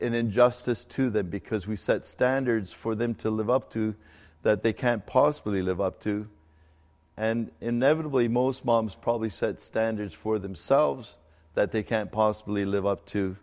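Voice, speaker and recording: A middle-aged male pastor who grew up in Ecuador, preaching a sermon in a conversational, halting way with fillers and restarts. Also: on the low side, a little mellow. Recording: long hall reverb.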